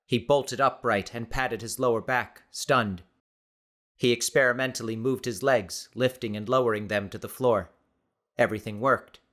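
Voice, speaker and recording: Reading scripted fiction, this medium-pitched male narrator keeps a measured pace while staying expressive. He leans into dramatic, storyteller-style phrasing.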